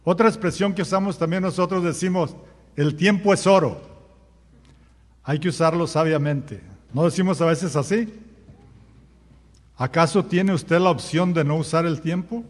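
High-voiced preacher in a reverberant hall. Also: male voice, normal speed, long pauses. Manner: asks the congregation many rhetorical questions; acts out everyday sayings in quoted voices. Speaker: pastor. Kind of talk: sermon.

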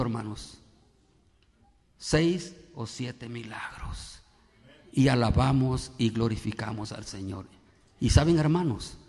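A man preaching a sermon and closing with a prayer, swinging from loud exclamations to hushed lows. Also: in a large hall.

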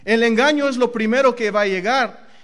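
A man preaching a sermon, asking the congregation questions and answering them himself, dropping into English phrases now and then. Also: fairly quick. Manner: swings from loud emphasis to low, soft phrasing.

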